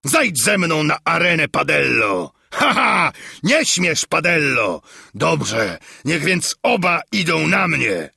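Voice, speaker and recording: Male narrator playing a loud boasting storybook warrior, raspy and bright, dry sound. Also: fairly high pitch, big pitch swings, slow pace, dry recording, voice pushed up, exaggerated voice. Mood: defiant bluster. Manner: blustering, defiant shouting. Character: boastful armored bearded warrior, grown man, brash. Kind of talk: audiobook character voice.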